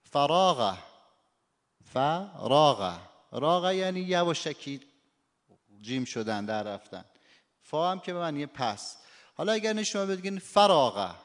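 A man teaching a lesson, explaining word stress patiently and slowing down to demonstrate examples. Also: on the high side. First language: Persian. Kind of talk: spoken lecture on phonetics. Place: lecture room or workshop. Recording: long hall reverb.

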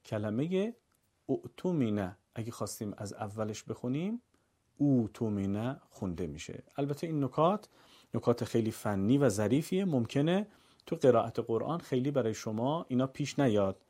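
Mellow-voiced man teaching recitation. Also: medium pitch, sing-song. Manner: slow, clear drawn-out recitation of example words. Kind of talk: recorded lesson on recitation rules.

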